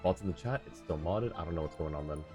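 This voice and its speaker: With a low-pitched voice and a fast delivery, a male host chats casually during a game livestream, musing aloud as he rambles. Video game music and character voices fill the background.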